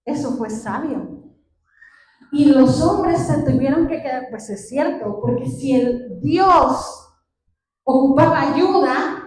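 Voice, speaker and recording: A woman's voice: high voice, darkish tone. A woman preaching a sermon, retelling a Bible story and putting questions to the congregation. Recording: echoey hall, distant mic, faint noise.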